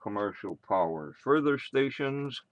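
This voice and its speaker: A man's voice: mid-range voice, expressive, a little slow, lo-fi sound, heavy background noise. A man with an American accent acting as amateur radio net controller, making casual announcements with rambling, muttered asides.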